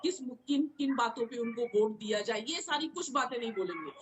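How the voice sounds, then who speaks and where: A woman's voice: on the high side, animated, brisk, background noise. A woman speaking as a party spokesperson in a heated political debate, arguing hard and often repeating words and restarting sentences.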